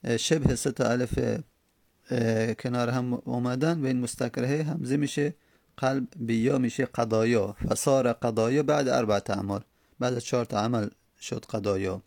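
Brief: male grammar teacher, gravelly, dry close sound, methodical drilling. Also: mid-range voice, steady tone, darkish tone, dry recording. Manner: explains step by step, repeats words slowly to drill them. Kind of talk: classroom lecture on Arabic morphology.

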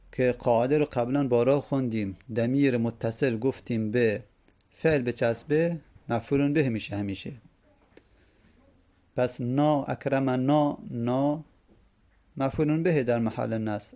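Gravelly-voiced male grammar teacher. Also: medium pitch, warm tone. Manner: recites Arabic conjugations in chanting drills, then explains casually. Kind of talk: Arabic grammar lesson.

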